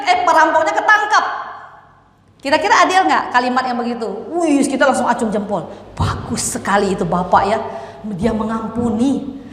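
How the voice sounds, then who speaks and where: A woman's voice: high-pitched, fairly bright tone. A woman preacher giving a sermon at a church service. She tells a story, asks the congregation questions and invites them to imagine along with her. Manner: addresses listeners directly and invites them to imagine. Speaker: evangelist preacher. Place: church service in a large hall. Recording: echoey church hall with long reverb.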